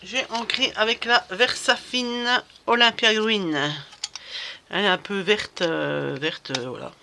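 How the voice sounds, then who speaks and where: Bright-voiced rambling woman crafting. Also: mid-range voice, slow, creaky, a little hiss or hum. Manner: rambling and hesitant, many fillers and restarts. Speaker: crafting vlogger. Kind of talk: casual chat while crafting.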